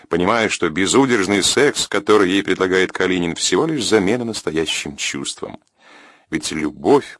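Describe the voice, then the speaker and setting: Low-voiced man narrating an audiobook. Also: dry recording, clean studio sound. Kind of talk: scripted narration.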